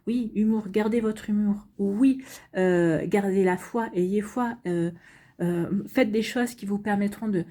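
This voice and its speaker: A woman giving a casual tarot reading to her viewers. She sounds tired, speaks gently and reassuringly, and often hesitates and restarts her sentences. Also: medium pitch, a little slow. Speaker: tarot reader.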